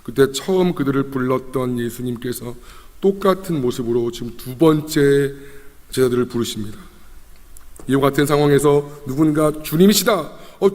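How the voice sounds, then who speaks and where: A young man, a junior pastor, preaching a sermon in a conversational, emotive way, with rhetorical questions and repetition. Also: medium pitch. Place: church sanctuary. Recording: long reverb of a church hall.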